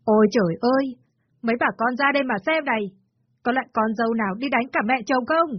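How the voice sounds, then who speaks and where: A woman's voice: fast, dry recording, natural voice. A woman voicing a spiteful older mother-in-law who scolds and hurls abuse, on a dull, dry recording. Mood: scornful scolding. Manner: shrill, scornful, shouting abuse.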